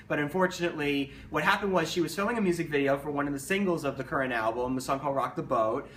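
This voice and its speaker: A man co-hosting with unscripted explanations, talking haltingly and repeating words as he goes. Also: a little high, a bit bright. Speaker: co-host. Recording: distant mic, background noise.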